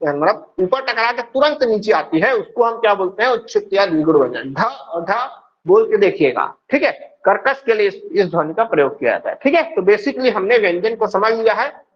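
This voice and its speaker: Man lecturing a class, high-pitched voice, muffled lo-fi audio, checks in constantly, answers his own questions. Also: sing-song, fairly quick. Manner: explains step by step, keeps checking with "ठीक है"; asks questions and answers them himself. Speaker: teacher. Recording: dull lo-fi sound.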